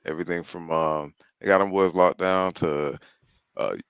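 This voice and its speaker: Gravelly low-voiced laid-back man. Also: steady tone, moderate pace, dry recording, highs cut off. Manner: laid-back, slangy, laughs often. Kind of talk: casual chat.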